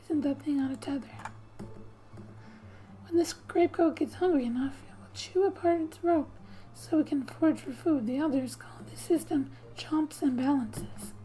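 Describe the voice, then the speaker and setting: A woman narrates a game in soft-spoken ASMR style, reading text aloud and adding playful asides. Her voice is high and mellow, breathy and often close to a whisper, and she takes her time, gentle over background music.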